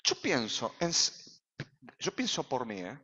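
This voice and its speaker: A man with an Argentine accent, a pastor preaching a sermon in a church, full of rhetorical questions and sudden shouts. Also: medium pitch, wildly swooping pitch, a little slow, husky. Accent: Argentine Spanish. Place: church sanctuary. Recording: reverberant hall, dull sound.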